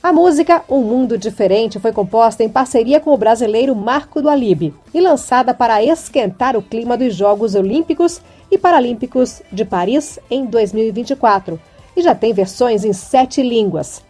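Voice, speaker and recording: A woman correspondent reading a scripted radio news report in a measured, formal way. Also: a little high, animated, mellow, soft background music.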